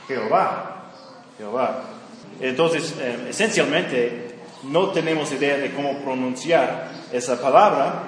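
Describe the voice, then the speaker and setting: A man's voice: mid-range voice, a little hiss or hum. A man teaching a Bible study lesson, using fillers and often checking in with his listeners. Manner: frequent fillers and check-in questions. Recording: echoey hall, voice from far off.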